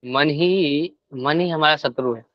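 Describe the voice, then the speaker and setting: A high-voiced man explains a point to a class, acting out the mind's tempting voice in quoted exchanges. The recording is dry and dull, like a cheap lo-fi mic. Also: slow, no room sound. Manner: acts out the mind's coaxing voice in quotes. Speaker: teacher.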